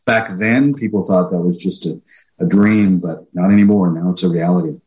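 Low-voiced man guest, halting speech. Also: a little mellow, poor audio. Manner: hesitant, many fillers. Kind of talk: casual interview talk.

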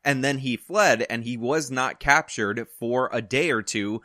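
Male commentary host, opinionated and chatty, mid-pitched, dry close-miked sound. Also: unhurried, sharp tone, no echo. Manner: conversational, opinionated asides. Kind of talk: casual news commentary to camera.

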